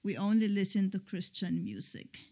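A middle-aged woman co-hosting a casual chat show, talking slowly and hesitantly with frequent pauses. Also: medium pitch, big pitch swings, vocal fry, warm tone. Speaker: podcast co-host.

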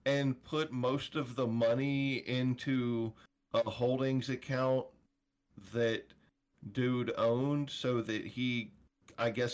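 A man co-hosting a casual movie podcast, recapping plot points and agreeing with the others. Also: medium pitch. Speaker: podcast co-host. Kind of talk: casual movie review chat.

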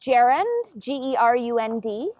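A woman co-hosting a podcast, engaged and quick to chime in with questions. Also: medium pitch, expressive, muffled recording. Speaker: podcast co-host. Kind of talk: casual spiritual conversation.

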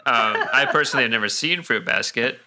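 A man's voice: mid-range voice, fast, a loud crowd. A man co-hosting a podcast, laying out upcoming plans in a matter-of-fact way. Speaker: podcast co-host. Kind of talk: casual podcast chat.

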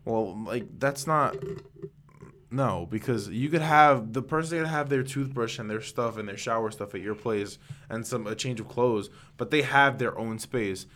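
A man's voice: medium pitch, normal speed, fairly bright tone. A man co-hosting a casual podcast, earnestly laying out his opinions. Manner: earnest, opinionated, lays out arguments. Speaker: podcast co-host.

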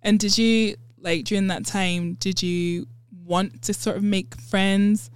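A woman's voice: medium pitch, fairly even intonation, slow pace, clean tone, no echo. A woman hosting a casual studio interview, asking questions and encouraging her guest with frequent affirming murmurs. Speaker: podcast host.

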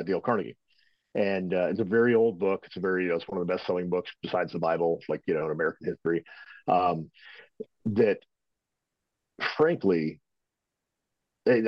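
A man's voice: fairly low pitch, no room sound, highs cut off. A man being interviewed as a firearms instructor, answering at length in a casual, rambling way with many fillers. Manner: rambling, filler-heavy, conversational. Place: at home.

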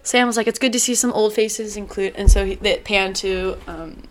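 A woman's voice: mid-range voice, fairly even intonation, moderate pace, a little hiss or hum. A woman co-hosting a casual chat, rambling through a comic's plot and acting out the characters' lines as she goes. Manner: rambling retelling, acting out quotes. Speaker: podcast co-host.

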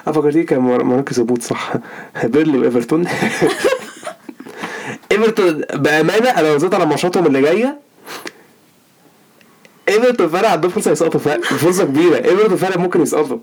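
A man's voice: on the high side, animated, rapid-fire, long pauses, a little mellow. A man with an Egyptian Arabic accent co-hosting a casual football chat, repeating phrases for emphasis. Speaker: football podcast co-host.

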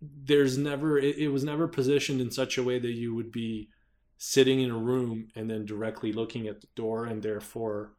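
A man's voice: mid-range voice, completely flat delivery, moderate pace, a little mellow. A man co-hosting a podcast, talking casually in a rambling, hesitant way with lots of fillers and restarts. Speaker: podcast co-host. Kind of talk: casual chat.

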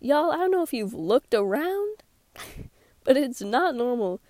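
Her voice is high-pitched and sing-song, a little slow and dark in tone, captured as clean studio sound with no echo. She's a teenage girl with a sore throat, casually and sarcastically rambling on her own podcast from a small closet, laughing often.

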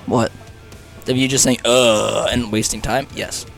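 A man's voice: medium pitch, flat delivery, a little slow, gravelly, soft background music. A young man co-hosting a podcast in casual banter, rambling and teasing with lots of fillers. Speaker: podcast co-host.

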